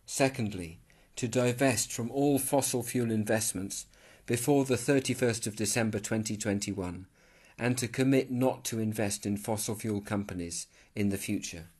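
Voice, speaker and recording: Brief: man, lowish voice, measured formal letter reading, voice-over. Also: a little mellow, breathy edge. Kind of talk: scripted narration, reading a letter.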